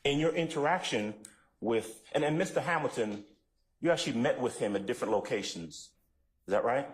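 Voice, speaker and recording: A man questioning a witness as a defense attorney in court, putting pointed leading questions in deliberate phrases. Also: medium pitch, lively intonation. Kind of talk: courtroom cross-examination. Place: courtroom, indoors. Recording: echoey courtroom sound.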